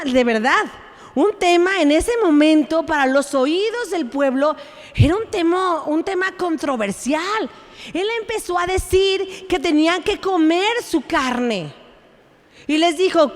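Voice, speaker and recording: A woman preaches a lively, playful sermon. Her voice is bright and high, and she acts out the scenes she describes. A long reverb trails her words around the church hall. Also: measured pace. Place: church sanctuary.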